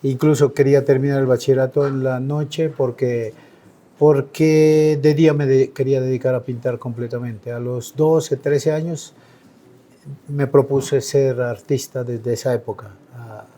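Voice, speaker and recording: A man's voice: medium pitch, steady tone, unhurried, dark tone. A man in his sixties from Colombia, a painter giving an interview, speaking reflectively with frequent hesitations. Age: 60s. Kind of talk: relaxed conversational interview.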